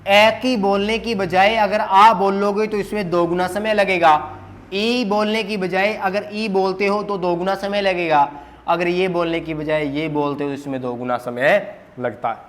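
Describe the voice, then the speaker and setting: High-voiced man teaching grammar at a board. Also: steady tone, measured pace, fairly bright tone. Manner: asks and answers his own questions, repeats key terms. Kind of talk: whiteboard grammar lesson.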